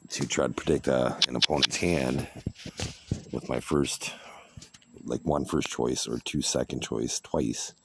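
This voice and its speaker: A man's voice: extremely low pitch, fairly even intonation, a little slow, gravelly. A man giving casual, rambling commentary while he plays online poker, often restarting and repeating himself. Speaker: online poker player and streamer. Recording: loud background noise and clicks.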